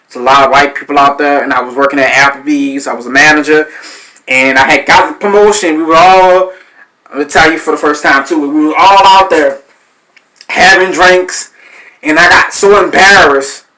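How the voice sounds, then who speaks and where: A man, hosting a podcast and telling stories in a loose, animated way, cursing and acting out voices. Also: fairly high pitch, moderate pace, low-quality recording. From New Orleans, Louisiana. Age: 30s. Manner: animated, swearing, acts out voices in his stories. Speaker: podcast host. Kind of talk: casual storytelling.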